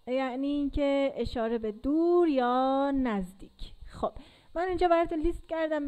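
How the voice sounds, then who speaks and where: A woman's voice: sits high, darkish tone, poor audio. A woman teaching English to learners in a casual classroom style, patiently repeating and drilling sounds.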